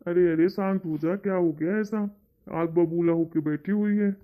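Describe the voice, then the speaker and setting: A performer plays a middle-aged husband who keeps trying to soothe his angry wife. He has an ordinary mid-pitched voice, and the tinny, phone-like audio flattens it. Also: moderate pace, lightly acted. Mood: placating. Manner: calm, placating, then fed-up. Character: patient middle-aged husband and father, placating. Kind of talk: scripted family comedy sketch.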